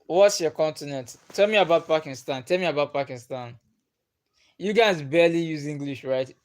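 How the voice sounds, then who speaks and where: Here a man with a fairly high pitch speaks at a moderate pace as he hosts a livestream. It's laid-back chat where he reads the comments. He grew up speaking Igbo first, and he comes across as patient, repeating points and chuckling frequently.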